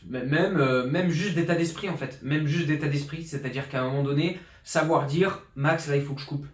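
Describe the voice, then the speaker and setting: Speaking fairly quickly in a slightly high voice, this young coach in his 20s excitedly talks through his past year for an informal vlog, stumbling into restarts and filler words. He records at home in his apartment flat, using a borrowed pro journalist microphone, and the room echoes.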